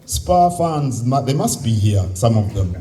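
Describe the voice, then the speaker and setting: A man's voice: mid-range voice, sing-song, measured pace, mellow. A man with a Ugandan accent giving a motivational public speech, exhorting listeners with repeated key phrases and rhetorical questions. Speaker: speaker at a youth convention. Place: live on stage at a convention.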